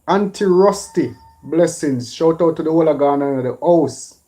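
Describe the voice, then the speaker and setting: A Jamaican man hosting a casual live stream, giving relaxed shout-outs to viewers by name. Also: a little high, moderate pace. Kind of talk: live stream chat, reading viewer names.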